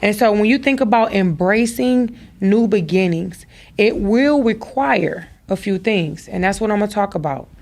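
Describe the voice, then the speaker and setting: A woman's voice: medium pitch, expressive, normal speed, gravelly, darkish tone. A woman and mother hosting a podcast, giving a motivational talk straight to her listeners with emphatic repeated phrases. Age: adult with daughters. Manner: speaks to listeners directly, preacher-like. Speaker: podcast host.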